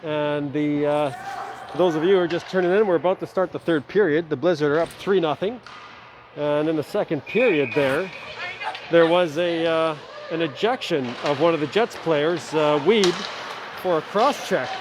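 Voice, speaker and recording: This is amateur live sports commentary from an ice rink, where a middle-aged man with a fairly high voice calls hockey. He narrates the action rapidly yet casually and chats in friendly asides, with constant rink noise plainly in the background.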